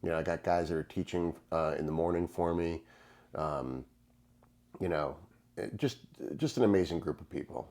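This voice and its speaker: A man's voice: low-pitched, moderate pace, a little mellow. A man in his fifties who runs a gym, co-hosting a casual podcast and telling stories in a reassuring way. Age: 50s. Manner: reassuring, storytelling. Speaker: gym owner and co-host.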